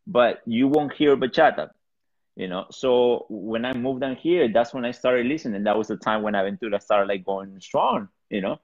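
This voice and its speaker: A man's voice: mid-range voice, moderate pace, darkish tone. A man from Peru, chatting casually as an interview guest. He rambles loosely, with lots of fillers and restarts. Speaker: salsa DJ guest. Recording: dull lo-fi sound.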